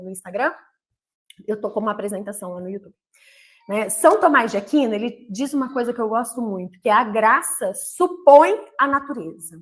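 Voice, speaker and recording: Brazilian mom, high voice, chatty faith talk, acts out the kids when telling stories. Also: female voice. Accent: Brazilian Portuguese. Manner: animated storytelling, acts out children's voices. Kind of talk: casual spoken talk, livestream.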